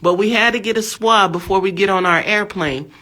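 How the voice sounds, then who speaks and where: Speaking fairly quickly in a sharp, medium-pitched voice, an American woman in her fifties gives a fervent religious testimony. The monologue is emphatic and exhortative, with phrases said again and again.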